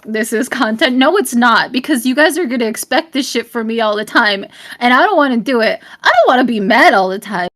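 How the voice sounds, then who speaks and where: A young adult woman live-streaming, talking straight to her chat in a blunt, profane, rambling rant, at times shouting and often apologizing. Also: a little high, expressive, fairly quick. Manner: profane, blunt, swears constantly. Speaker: livestreamer.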